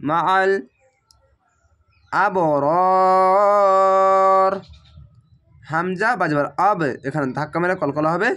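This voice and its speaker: A man teaching Quran reading, chanting each Arabic word slowly and stretched out, then explaining the rules quickly in plain speech. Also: on the high side, a bit bright. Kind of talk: slow spelled-out recitation lesson.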